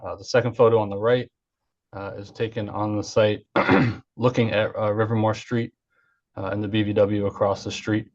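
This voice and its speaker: A man's voice: on the low side, little pitch movement, normal speed, darkish tone. Man on a dull video call. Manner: hesitant, many uh fillers. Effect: heard over an online video call. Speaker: engineer presenting a project. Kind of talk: formal project presentation at a public hearing.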